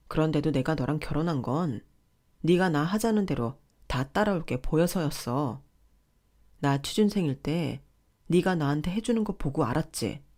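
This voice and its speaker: A woman's voice: low voice, darkish tone. A woman voicing an arrogant, controlling young husband who talks down to his wife in a sneering, dismissive way.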